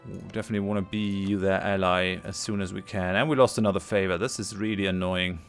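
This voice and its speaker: A man's voice: low voice, fairly even intonation, fast talker, soft background music. A man commentating a strategy game as he plays, thinking aloud, hesitant, with many fillers and restarts, his voice tiring. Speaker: let's play host. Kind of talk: casual gameplay commentary.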